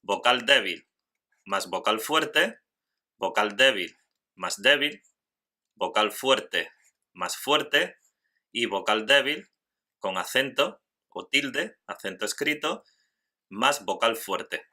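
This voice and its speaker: A man teaching a grammar lesson in scripted narration, slowly and carefully spelling out syllables. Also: lowish voice, animated, sharp tone.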